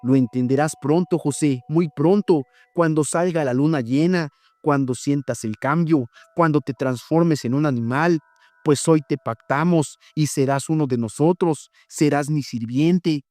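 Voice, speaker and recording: A commanding male wolf-beast from a spoken horror tale, voiced by a man, dragging his words out with slow, domineering menace. The tone is soft and mellow, close and dry. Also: fairly high pitch, no room sound, natural voice. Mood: menacing.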